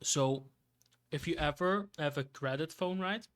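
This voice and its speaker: Man, from Belgium, streamer, casual rambling chat, unhurried. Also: on the high side, fairly bright tone. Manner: rambling, laughs often, repeats himself.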